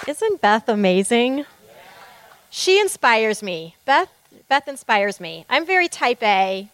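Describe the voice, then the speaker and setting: A woman's voice: a little high, big pitch swings, slow pace, a bit bright, some chatter behind, slight background noise. A woman co-founder of a ministry telling a church group her story in a candid, heartfelt testimony with light laughter.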